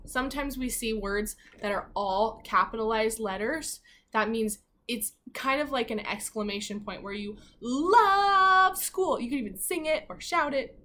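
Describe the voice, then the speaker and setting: A primary school teacher with a bright, forceful voice on the high side reads a children's book aloud to her class. She gives the story expression, throws in chatty asides, and asks the children questions directly.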